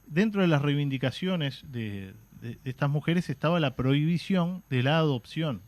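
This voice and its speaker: A man's voice: fairly high pitch, expressive, moderate pace, dry recording. Uruguayan man explaining history on radio. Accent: Uruguayan Spanish. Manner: explanatory, fillers like "este" and "eh", frequent restarts. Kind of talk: radio talk show chat. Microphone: studio microphone.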